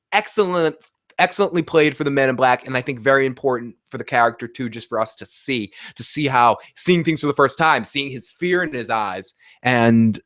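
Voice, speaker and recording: A man with a Boston accent, sniffly from being sick, rambles through a casual TV episode recap as its host, restarting often and cursing freely. His voice is fairly high and fairly bright, recorded in studio quality with no echo.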